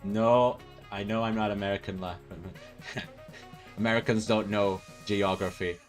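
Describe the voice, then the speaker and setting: With faint music playing softly behind him, a young Portuguese man in his twenties, a native Portuguese speaker, loosely chats with his live-stream viewers and reads out their comments. His lowish voice is steady in tone and unhurried, and he rambles, restarts and corrects his sentences, laughs a lot and leans on "uh" and "um".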